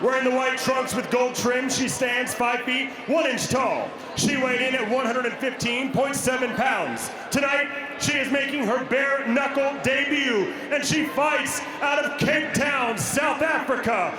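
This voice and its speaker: High, shouting lucha-style ring announcer man. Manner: booming, drawn-out shouted introductions. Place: large fight arena with crowd. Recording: distant echoing arena PA, loud crowd noise.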